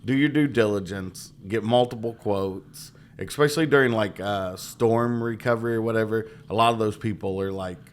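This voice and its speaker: A man with a low voice hosts a casual conversation. He talks in a relaxed, agreeable way, adding short stories and prompting his guest. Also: normal speed, hardly any pauses, slight background noise. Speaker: host. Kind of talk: casual chat.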